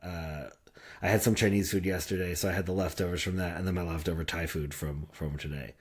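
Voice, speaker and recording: Husky-voiced laid-back man chatting. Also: low-pitched, steady tone, a little fast. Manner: laid-back, rambling with fillers. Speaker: podcast co-host. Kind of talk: casual chat. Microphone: podcast microphone.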